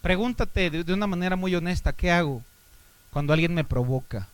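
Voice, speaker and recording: A Mexican man, a pastor, preaching a sermon with a Mexican Spanish accent. He poses rhetorical questions to the congregation and swings between loud exhortation and quiet asides. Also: high voice, lively intonation, a little fast, clear, resonant tone, no room sound.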